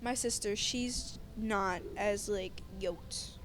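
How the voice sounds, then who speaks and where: A woman's voice: mid-range voice, slow, a little hiss or hum. A woman talking earnestly and hesitantly in a casual podcast chat, often searching for her words.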